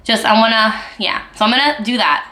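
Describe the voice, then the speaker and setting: A woman's voice: a little high, a little fast, sharp tone. Chatty twenties woman rambling about her day, full of likes, roomy echo. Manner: chatty, filler-heavy talk, eating while speaking. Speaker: vlogger. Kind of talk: casual chat. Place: home, at breakfast indoors. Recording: echoey room.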